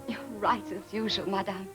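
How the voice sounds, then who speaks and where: An eager young dress designer. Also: female voice, medium pitch, fairly bright tone. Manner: eager, earnest and deferential. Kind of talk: 1950s film acting. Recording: old film soundtrack with music.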